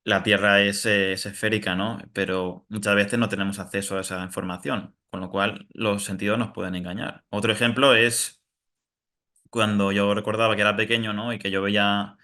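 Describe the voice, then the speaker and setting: A man's voice: lowish voice, little pitch movement, normal speed, sharp tone. A man from giving an informal technical webinar talk, explaining through everyday analogies and often checking in with "¿no?". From Spain, south of Madrid. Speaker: webinar presenter.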